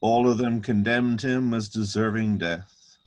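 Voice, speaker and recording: A man's voice: on the low side, steady tone, unhurried, a little mellow. A man narrating a dramatic reading of scripture.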